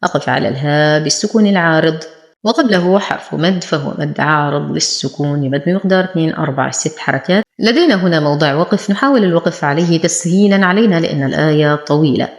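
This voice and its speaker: A woman teaching Quran recitation rules, explaining each letter and then reciting the words slowly and drawn out. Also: mid-range voice, a little mellow, roomy sound. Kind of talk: slow tajweed lesson with drawn-out recitation.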